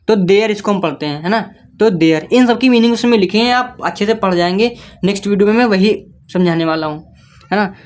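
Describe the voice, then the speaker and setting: A man teaching beginners to read, going letter by letter and checking in with the listener. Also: high voice. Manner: patient, spells words letter by letter, keeps checking in with the listener. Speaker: English reading teacher. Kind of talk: step-by-step spoken lesson.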